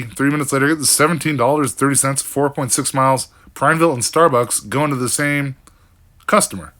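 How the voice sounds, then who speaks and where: Older male delivery-driver vlogger, casual rambling recap, bright forward tone, mid pitch, frank with fillers. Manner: rambling, frank, with frequent fillers and mild cursing.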